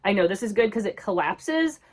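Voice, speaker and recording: Woman vlogger, stuffy nasal cold voice, chatty and rambling, mid-range pitch. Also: expressive, fairly quick. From New York. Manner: chatty, rambling with many likes. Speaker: YouTube vlogger. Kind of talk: casual chat.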